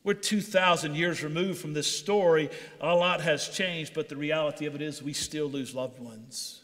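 A man's voice: a little high, fairly even intonation, normal speed, a bit bright, big-room sound. A man preaching a sermon, reading scripture aloud and then explaining it with rising intensity. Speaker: pastor. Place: church sanctuary.

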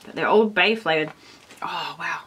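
A woman's voice: on the low side, moderate pace, a bit bright, slight background noise. An Australian woman chatting enthusiastically in a casual food taste-test vlog, full of "like" fillers. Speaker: food vlogger. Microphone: camera on tripod.

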